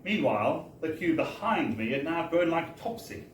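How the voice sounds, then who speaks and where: A man from Britain, his voice on the high side with big swings in pitch, reads a wry comic story in the first person at a book launch, at normal speed. His delivery is chatty and theatrical, like a storyteller's. The recording comes from an echoey live bar via a distant mic, with faint noise.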